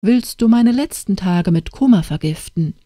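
A woman's voice: mid-range voice, animated, moderate pace, mellow, no room sound, studio quality, natural voice. Woman voicing a stern, reproachful old father. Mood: urging. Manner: reproachful, urging.

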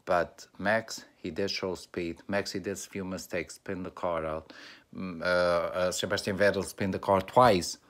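A man from North Macedonia with an Albanian accent, talking casually and haltingly, with many fillers and restarts. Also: deep voice, steady tone, fairly bright tone. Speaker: YouTuber. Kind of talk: casual race preview monologue.

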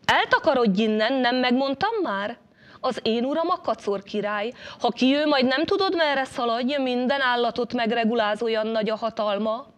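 Storybook vixen, proud and angry, loud and scolding, a bit high; a woman voices her. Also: lightly acted. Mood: scolding, boastful. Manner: scolding loudly, boastful. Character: angry proud vixen, wife of the tomcat king. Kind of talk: storybook reading.

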